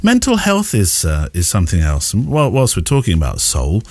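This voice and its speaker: A podcast host talks in a reflective, chatty way, interrupting his own sentences as he chats and reads listener letters aloud. His lowish voice swoops wildly in pitch at a moderate pace, with no echo.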